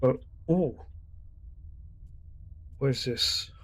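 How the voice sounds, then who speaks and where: A man's voice: medium pitch, very slow, breathy edge. Chatty man streaming a shooter. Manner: chatty, rambling, self-correcting asides. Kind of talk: casual gameplay commentary.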